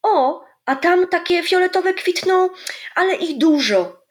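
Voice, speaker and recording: A woman voicing a small eager curious girl in a children's storybook, calling out with excited, chirpy exclamations. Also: extremely high pitch, a little slow, voice pushed up.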